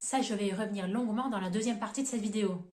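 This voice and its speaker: A woman giving a methodical grammar lesson on her own channel, spelling out letters and reading example sentences slowly. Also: medium pitch, a little mellow, reverberant.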